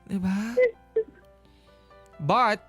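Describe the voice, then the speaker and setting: A Filipino man with a high, slightly bright, husky voice co-hosts a radio advice show, speaking extremely slowly. He talks conversationally, reads listener comments, and switches between Tagalog and English, with music playing behind him.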